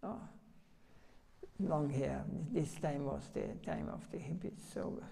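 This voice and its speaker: Slow gravelly older man preaching. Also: on the high side, mellow, in a large hall. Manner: halting, storytelling, broken non-native phrasing. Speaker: spiritual teacher. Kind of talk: sermon. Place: temple hall.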